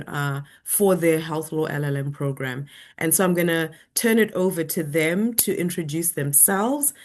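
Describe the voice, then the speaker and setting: A woman hosting and moderating an online webinar, speaking in a friendly, measured way with some fillers. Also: low voice, darkish tone. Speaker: webinar host.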